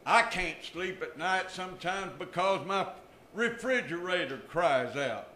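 An older pastor preaches from a church pulpit in a high, expressive voice that is pushed and bright, keeping a measured pace with emphatic rises and drops. The church room echoes, and there is slight background noise.

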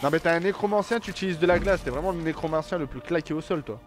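A man's voice: a little high, very fast, over music. A man hosting a gaming live stream with casual, slangy, joking commentary and some swearing. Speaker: streamer and host.

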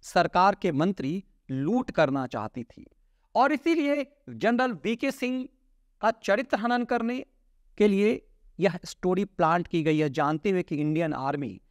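Emphatic high-voiced male news commentator. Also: no room sound, studio quality. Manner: emphatic, swinging pitch with sharp drops at phrase ends. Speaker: political commentator and show host. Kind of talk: opinionated news commentary to camera. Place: indoor studio with virtual set. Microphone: lapel mic, seated at desk.

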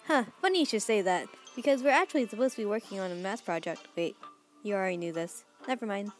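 A woman's voice: medium pitch, animated, fast talker, soft background music, close to an everyday voice. A woman voicing a sensible, mildly sardonic teenage girl in a cartoon, speaking casually. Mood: wry. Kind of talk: acted cartoon dialogue.

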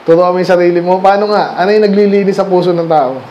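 High-pitched Filipino man preaching. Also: fast talker, darkish tone, lo-fi sound, a little hiss or hum. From Philippines. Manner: conversational preaching, frequent rhetorical questions to the congregation; switches often between Tagalog and English. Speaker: pastor. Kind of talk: sermon. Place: church during a Sunday night service.

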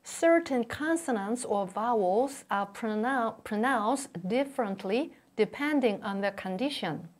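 A middle-aged woman presents a scripted language lesson. Her voice sits fairly high and she speaks very slowly. She enunciates each item deliberately, as a teacher modelling pronunciation for learners. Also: animated. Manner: slow, deliberate enunciation with repeated model words.

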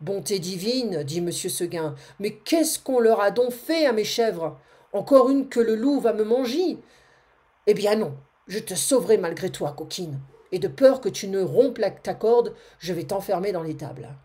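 Storybook role: a worried, kindly farmer, read by a woman, prone to alarmed pleading, mellow low-lit tone. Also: animated, normal speed, lightly acted. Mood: stern. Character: anxious, kindly male farmer fretting over his goats.

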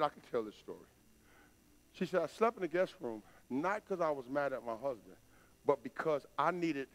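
A middle-aged man preaching in a church, chatty and plain, then building to loud, emphatic outbursts. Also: medium pitch. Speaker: pastor. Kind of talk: sermon. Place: church sanctuary stage.

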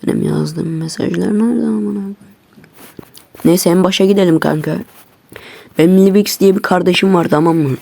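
A man's voice: high voice, normal speed, gravelly, pauses often, a little mellow. A man ranting at his viewers in an agitated, heavily profane way, talking from his computer. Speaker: YouTuber. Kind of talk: angry casual rant to viewers.

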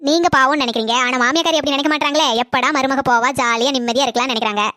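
Racing through her lines with fairly even intonation and a sharp tone, a high-voiced woman with a Kanyakumari Tamil accent voices a cartoon neighbor who loves spreading street gossip. Her storytelling is breathless and eager, and the recording is dry.

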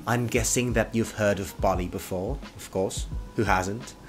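A young man in his twenties from Indonesia rattles through one put-on accent after another, playful and comedic. Background music runs clearly underneath his voice. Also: on the low side, normal speed. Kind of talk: comedic accent showcase video.

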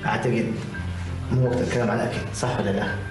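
A man plays a fatherly cartoon dad who talks quickly and soothingly. He sounds far from the mic in a very echoey room, with loud music underneath. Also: fairly low pitch, fairly even intonation, close to an everyday voice. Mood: stern. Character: caring, slightly stern family father.

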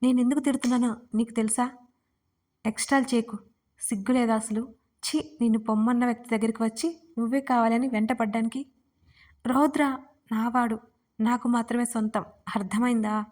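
A woman's voice: a little high, steady tone, moderate pace, long pauses, lightly acted. A woman reading as a feisty young heroine. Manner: sulky, sharp-tongued.

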